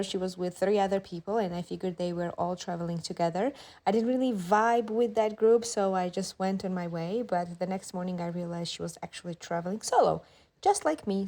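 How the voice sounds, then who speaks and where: A woman's voice: lowish voice, dark tone. A young woman travel vlogger, chatty and self-amused, narrating a mountain hike and chatting with people she meets. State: out of breath at times. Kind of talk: vlog narration and chat while hiking. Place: mountain trail outdoors and guest house.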